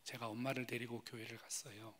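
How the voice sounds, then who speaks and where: A male pastor delivers a testimony sermon in a church sanctuary, speaking at an ordinary middle pitch. His delivery swings from loud, pressing rises down to breathy whispered asides. He keeps turning to the congregation with direct questions. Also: little pitch movement, a little fast. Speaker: guest pastor.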